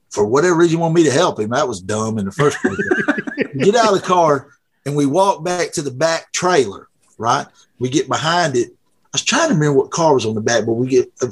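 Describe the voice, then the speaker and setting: A man's voice: medium pitch, breathy edge. A middle-aged man, a drag racer guest telling a folksy, rambling story with laughs. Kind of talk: casual storytelling.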